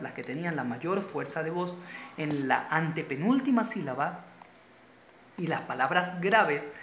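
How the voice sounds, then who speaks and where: A man's voice: a little high, fairly bright tone, a little hiss or hum. A man from Venezuela, teaching a grammar lesson patiently, repeating key terms and pointing at a board. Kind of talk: classroom-style grammar lesson. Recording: roomy echo.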